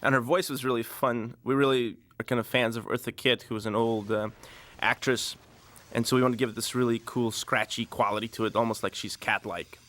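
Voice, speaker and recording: A man giving a relaxed, rambling DVD commentary as a director, with many fillers. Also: medium pitch, a little fast, few pauses.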